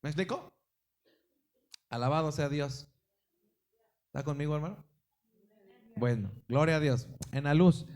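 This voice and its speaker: A man's voice: fairly high pitch, a little slow, pauses often, darkish tone. A man preaching a Sunday sermon in a church service, emphatic, with swings in volume and frequent exclamations to the congregation. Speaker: pastor.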